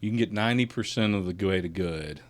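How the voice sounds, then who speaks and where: A man in his forties hosts a casual podcast conversation with a very low, deep voice. He talks reflectively and builds toward emphatic points. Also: quick pace. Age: 40s. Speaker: podcast host.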